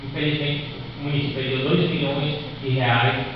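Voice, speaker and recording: A man's voice: on the high side, flat delivery, moderate pace. A man from São state, giving a conference talk in a large lecture hall in a chatty, informal way, picked up by a far camera mic. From São Paulo state, Brazil. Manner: chatty and informal, joking about technical trouble. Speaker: lecture speaker. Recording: echoey hall from far off, dull and noisy.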